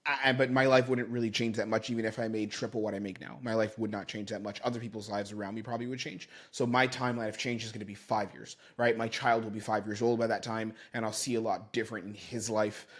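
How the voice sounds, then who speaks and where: A man in his thirties, a sales coach giving commentary on a recorded sales call in a quick, run-on coaching manner. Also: on the low side, level tone. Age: 30s.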